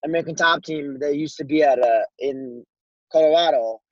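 A young man from Morocco, a fighter, talking loosely and haltingly in a casual interview, with lots of "like"s. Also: on the high side, dry recording, highs cut off. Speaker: guest fighter.

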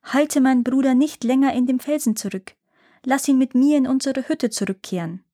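A woman's voice: sits high, normal speed, warm tone, pitched above the performer's own voice. A brave, kind young girl from a storybook speaks earnestly and politely, as a woman reading the tale puts her on. Her voice rises well above the reader's own. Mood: pleading.

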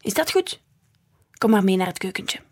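A woman voicing a burly old grandfather shopkeeper who grumbles calmly and never gets ruffled. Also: mid-range voice, normal speed. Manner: grumbling, unflappable.

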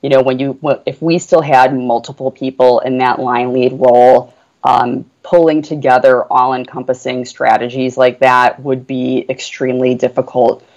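A woman's voice: very deep voice, little pitch movement, normal speed, a little mellow, lo-fi sound. A woman speaking as a podcast guest about her work, earnest and enthusiastic, with frequent fillers. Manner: earnest, enthusiastic, many "you know" fillers. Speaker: guest, portfolio manager. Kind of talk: business podcast conversation.

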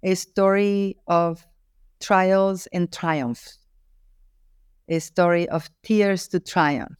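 A woman's voice: lowish voice, steady tone, extremely slow, clean tone, dry recording, clean studio sound. A woman from Ecuador, an author being interviewed, speaking earnestly and reflectively, with frequent restarts. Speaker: author and guest. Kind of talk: interview answer.

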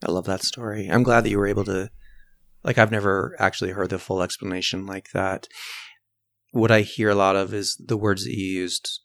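A man's voice: sits low, fairly even intonation, fairly quick, vocal fry, fairly bright tone, no room sound, studio quality. A male host in a conversation, curious and encouraging as he invites his guest to tell a story. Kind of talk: conversational interview.

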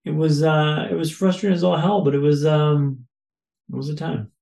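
A man with a high, gravelly voice tells his story in an interview, building it up with repeated phrases and punchy lists. His tone is dark and mellow, and the room around him echoes. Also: flat delivery, moderate pace. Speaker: podcast guest.

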